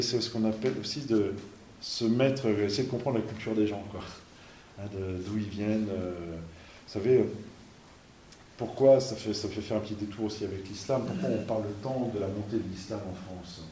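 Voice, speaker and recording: A man's voice: fairly low pitch, brisk, warm tone, echoey room, slight background noise. A man, a parish priest, giving an informal talk to an audience, conversational and emphatic, full of fillers and restarts.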